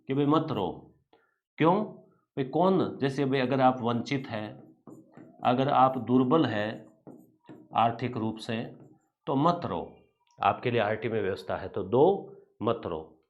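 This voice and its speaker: A man's voice: mid-range voice, lo-fi sound. Man teaching with rhyming memory tricks. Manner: explains with repeated rhyming memory tricks, chatty and informal. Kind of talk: exam coaching lecture.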